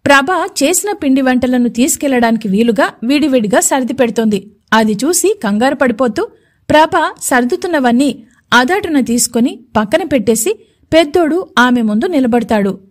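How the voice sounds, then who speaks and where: High-voiced woman narrating a love story. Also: expressive, normal speed.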